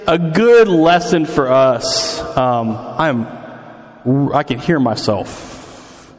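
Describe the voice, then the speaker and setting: A man's voice: mid-range voice, expressive, very slow. A man in his forties preaching a sermon in a church hall, chatty and quizzing the congregation, his voice echoing through a big hall. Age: 40s. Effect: big hall echo. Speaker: pastor. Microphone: PA microphone. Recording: reverberant hall.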